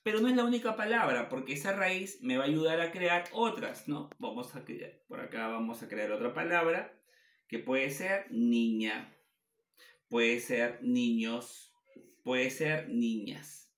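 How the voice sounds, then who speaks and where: A male teacher giving a classroom lecture at the board, asking questions and answering them himself, spelling words out slowly. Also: medium pitch, expressive, fairly bright tone. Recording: echoey classroom.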